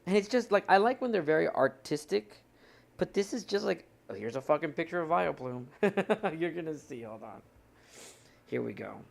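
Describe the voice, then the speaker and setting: A man's voice: a little high, sing-song, moderate pace, gravelly, a little hiss or hum. A young man streaming live, chatting casually and rambling to his viewers while he looks through his cards. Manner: rambling, chatty, talks to chat while browsing.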